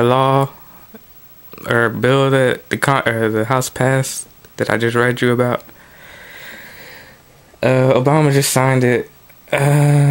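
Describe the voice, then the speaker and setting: A man's voice: medium pitch, clean tone. A man reading news articles aloud and adding casual, offhand commentary of his own. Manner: plain reading broken by offhand asides and restarts. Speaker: political commentary vlogger.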